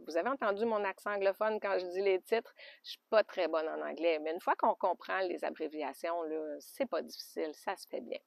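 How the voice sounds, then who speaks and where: A woman with a Québécois French accent chatting casually in a knitting podcast, homey and loose, with soft laughs. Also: medium pitch, no echo, studio quality. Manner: chatty, homey, often laughs softly and adds little fillers. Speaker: knitting podcaster and alpaca farmer. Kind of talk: casual show-and-tell chat. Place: outdoors by an alpaca pen.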